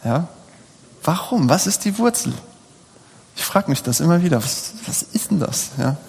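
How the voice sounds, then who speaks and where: A man's voice: fairly high pitch, very animated, normal speed, vocal fry, darkish tone. A man in his thirties preaching a sermon in a conversational way, often putting rhetorical questions to the audience. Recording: long hall reverb.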